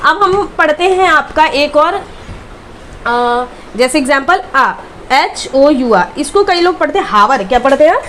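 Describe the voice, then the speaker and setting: A woman's voice: high voice, animated, unhurried, fairly bright tone, a little hiss or hum. A woman teacher giving a classroom grammar lesson, repeating key words back as questions to her students.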